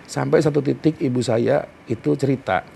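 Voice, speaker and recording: Middle-aged male talk show guest with a gravelly, mellow voice; earnest, emphatic testimony. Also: medium pitch, a little hiss or hum. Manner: earnest and heartfelt, slow and emphatic. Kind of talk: personal testimony in conversation.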